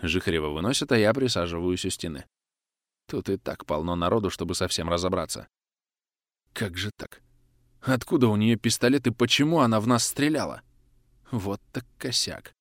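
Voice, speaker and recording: On a close mic with a dry recording, a man narrates a first-person action audiobook with dramatic storytelling. His voice is low, with lively intonation and a fairly quick pace.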